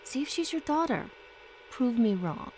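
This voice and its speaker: A woman's voice: on the high side, big pitch swings, moderate pace, a little mellow, slight background noise. An actress playing a sardonic young woman who breaks rules playfully, speaking in a wry, teasing way in a video game. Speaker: former student guiding a stranger.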